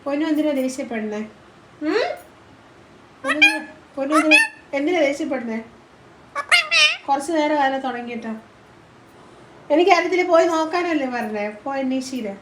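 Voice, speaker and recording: A woman's voice: high voice, animated, brisk, pauses often, noisy background. A woman from Kerala vlogging at home, talking to her pet parrot in coaxing, cooing baby talk. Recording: echoey room.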